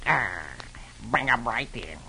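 A man's voice: medium pitch, lively intonation, takes it slowly, pushed and bright, pitched below the performer's own voice, full character voice. A man voicing a hot-tempered, scheming cartoon duck who barks at his nephews, in a noisy old radio recording. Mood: sly. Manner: barking, gruff, then sly.

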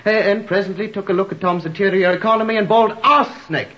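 This is a performance from a vintage radio play: a chatty, glib character with a morbid wit and florid, faux-literary speech, voiced with ghoulish delight. The man's voice is high, steady and fast, much like ordinary talk, and the old recording sounds dull and muffled.

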